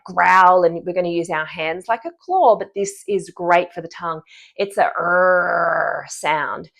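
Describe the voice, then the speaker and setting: An upbeat woman, a speech-language pathologist, explains animal-themed cues for teaching children speech sounds. She talks at an easy mid pitch and acts out each sound as she goes. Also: fairly bright tone. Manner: upbeat, demonstrates sounds and gestures. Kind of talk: explaining therapy cues to parents and therapists.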